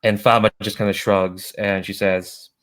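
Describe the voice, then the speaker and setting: A man with a fairly low voice runs a tabletop game. He improvises the narration informally, with hesitations as he feels out each detail. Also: little pitch movement, normal speed, a bit bright. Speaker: game master.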